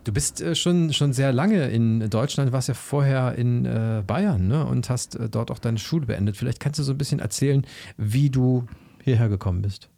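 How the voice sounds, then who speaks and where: A man hosting a podcast interview in a studio, relaxed with hesitant fillers. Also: medium pitch, normal speed, gravelly, no echo. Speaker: podcast host. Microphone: studio mic.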